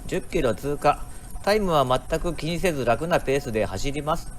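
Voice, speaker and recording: A man reads scripted narration for his vlog. His voice is on the higher side and very animated in its intonation. Music is clearly heard behind him. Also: moderate pace. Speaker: vlogger narrating own marathon video.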